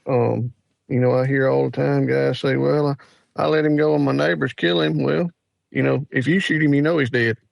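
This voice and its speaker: Hunter, a guest in a laid-back interview, is a Mississippi man in his forties whose Southern accent carries meandering, folksy tales full of filler words. He has a gravelly mid-range voice with a steady tone and normal speed. There's no echo, though the recording comes across muffled.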